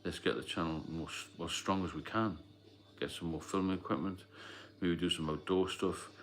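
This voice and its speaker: A man with a deep, steady voice and a moderate pace hosts a relaxed livestream chat. He rambles plainly and works through viewer comments as he goes.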